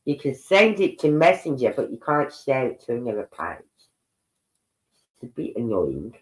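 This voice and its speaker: Hosting a casual true-crime livestream from his home, an older man with a congested nose reads posts aloud and muses, rambling and breaking off mid-sentence. His voice is medium-pitched with big pitch swings at a normal speed.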